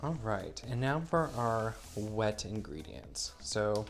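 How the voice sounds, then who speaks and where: This slow, sing-song man's voice is on the low side, with soft music in the background. He's recovering from a cold and sounds stuffy and a touch wheezy. As the maker, he gives an upbeat, casual demonstration, talking through each step as he goes.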